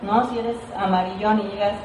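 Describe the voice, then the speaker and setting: A woman's voice: medium pitch, steady tone, fairly quick, darkish tone, slight background noise. A woman giving an informal training talk to a sales team, chatty and playful, often checking in with "ok?". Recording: echoey room, mic at a distance.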